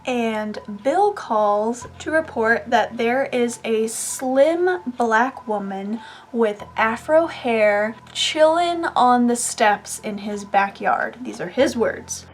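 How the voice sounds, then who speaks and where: A woman's voice: fairly high pitch, expressive, slow pace, slight background noise. Chatty young woman telling a crime story. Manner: chatty, loose with fillers and hedges. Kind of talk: casual storytelling while doing makeup. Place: home, indoors.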